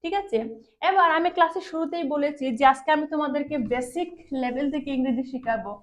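A woman with a Bengali accent teaching a basic English lesson, drawing out words syllable by syllable and often checking that her pupils follow. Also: sits high. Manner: drawn-out, syllable-by-syllable word demonstrations; asks pupils frequent check questions. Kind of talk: classroom lesson.

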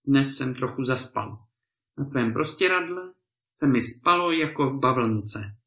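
A man's voice: medium pitch, animated, fairly bright tone. A man voicing a cheeky young trickster with an innocent, mock-polite manner, in a storybook reading in an echoey room.

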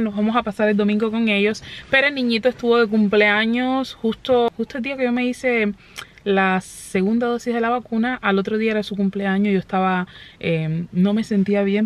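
A talkative woman speaking straight to her vlog audience in a casual, fond way. She explains things patiently and keeps the chat flowing. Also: mid-range voice. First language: Spanish. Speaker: family vlogger.

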